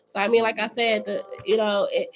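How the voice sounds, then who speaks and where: A woman's voice: mid-range voice, flat delivery, brisk, poor audio. A woman giving a live-streamed tarot reading, chatty and familiar, calling the viewer girl and honey. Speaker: tarot reader.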